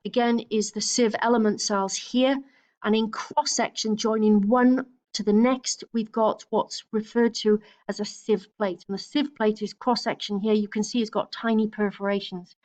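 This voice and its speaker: A woman's voice: mid-range voice, a little mellow, lo-fi sound. A woman teacher giving a recorded lecture over slides, explaining steadily, with frequent fillers and restarts.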